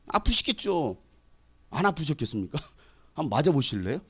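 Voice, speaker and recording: A middle-aged male pastor delivering a sermon, building from conversational asides to loud, impassioned exhortation. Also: fairly high pitch, very animated, brisk, husky.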